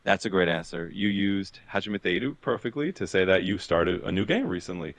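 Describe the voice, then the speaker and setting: A man's voice: low-pitched, lively intonation, fairly quick, no room sound. A man speaking as an encouraging, affirming language tutor in a conversational style.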